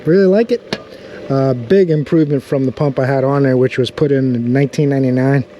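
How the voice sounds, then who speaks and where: A man's voice: medium pitch, steady tone, a little fast, dark tone, slight background noise. A man casually talking through a pool pump review outdoors by a backyard pool, in an easygoing, chatty way.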